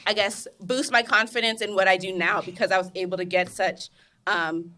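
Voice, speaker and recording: A young woman chemist, talking in a casual interview, animated and emphatic with frequent laughs and restarts. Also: medium pitch, a little fast. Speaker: guest, cosmetic chemist.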